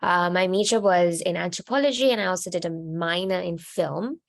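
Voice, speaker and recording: A woman in her twenties from Sri Lanka, speaking on a video call as an alumna panelist, halting with many ums and uhs. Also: on the low side, creaky. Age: 20s. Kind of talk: casual panel talk. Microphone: laptop on a video call.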